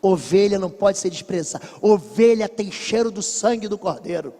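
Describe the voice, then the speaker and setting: High-voiced Brazilian preacher in a reverberant church. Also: male voice, moderate pace. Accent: Brazilian Portuguese. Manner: emphatic storytelling preacher, swinging between hushed and loud. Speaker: pastor. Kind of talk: sermon.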